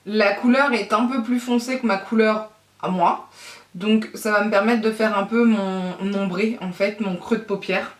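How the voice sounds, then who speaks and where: A woman from France giving a casual makeup tutorial, talking chattily with many fillers and pauses. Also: mid-range voice, fairly even intonation. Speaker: beauty vlogger. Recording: roomy echo, distant mic.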